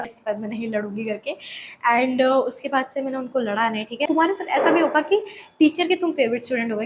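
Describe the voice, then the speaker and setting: A young woman telling a personal story in a casual, animated way, often slipping English words and phrases into her talk. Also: sits high, a little hiss or hum, poor audio. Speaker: vlogger.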